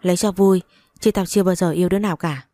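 A woman's voice: on the low side, steady tone, quick pace, dark tone, dry recording, lightly acted. A woman voicing a cold-blooded, arrogant young rich man who speaks with contempt. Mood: contemptuous. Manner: contemptuous, curt.

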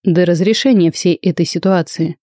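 A woman's voice: lowish voice, moderate pace, warm tone, no room sound, clean studio sound, lightly acted. A woman voicing a curt, hot-tempered young male dragon student. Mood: thoughtful. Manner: curt and challenging.

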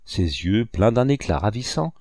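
A man reads a classic novel aloud as audiobook narration, in a measured, unhurried way. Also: fairly low pitch, very animated, warm tone, dry recording, clean studio sound. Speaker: audiobook reader.

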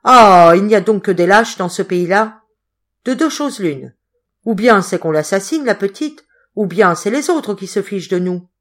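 A woman reading an audiobook, voicing a bold man who talks gruffly and scornfully. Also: fairly low pitch, lively intonation, measured pace, darkish tone.

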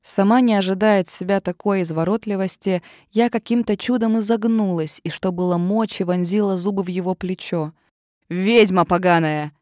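A woman narrates a first-person fantasy audiobook, telling the story in a tense, expressive way at a middle pitch. She speaks a little fast with few pauses, and the recording is close and dry with no room sound.

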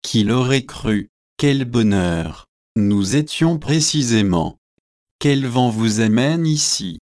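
A man reading aloud and voicing a warm, eager young male student who welcomes an old friend, in a slow, measured way. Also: medium pitch, animated, no echo, clean studio sound. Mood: surprised.

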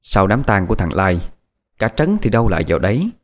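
A man's voice: on the low side, sing-song, a little fast. A man narrating a horror story with dramatic storytelling.

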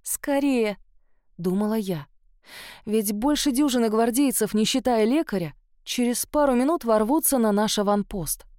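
A woman narrates a first-person fantasy story with a lively, expressive delivery. Her voice sits a bit high. The sound is close and dry, with no room in it. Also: moderate pace, dry recording. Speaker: audiobook narrator.

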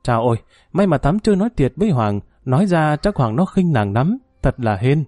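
A man narrating an audiobook in a slow, mournful storytelling manner. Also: on the high side, big pitch swings, warm tone, no echo. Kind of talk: scripted narration.

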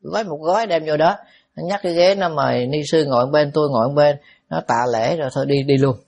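A man, a Buddhist monk telling a story in a lively, anecdotal way, with asides to the audience. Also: on the high side, fast, vocal fry. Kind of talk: storytelling sermon.

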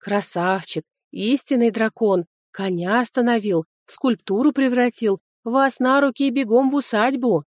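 A woman reading an audiobook, voicing a chattering young female servant who gossips in excited exclamations. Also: a little high, normal speed, few pauses, no room sound, studio quality, voice pushed up, natural voice.

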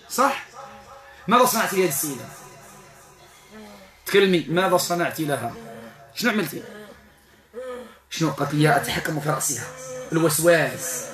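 A man with a Moroccan accent leading a ruqya exorcism session, questioning and commanding a spirit in a forceful, interrogating manner. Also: sits high, reverberant. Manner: commanding, interrogating, with Quran recitation. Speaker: ruqya healer.

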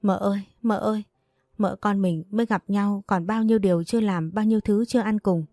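A woman's voice: medium pitch, a little fast, warm tone, dry recording, soft background music, lightly acted. A woman voicing a clueless young maid who wails and asks bewildered questions. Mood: wailing.

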